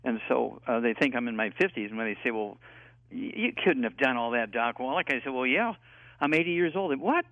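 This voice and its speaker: A guest health expert aged eighty talks on a call-in radio show, his medium-pitched voice showing lively intonation. The phone line is tinny and the recording dry, and he rambles and stumbles with many fillers.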